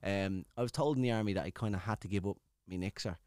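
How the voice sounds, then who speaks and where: A man's voice: lowish voice, fast talker, a little mellow, smooth, no echo, clean studio sound. A man with an Irish accent chatting casually, rambling and swearing freely as he tells stories. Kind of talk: casual chat.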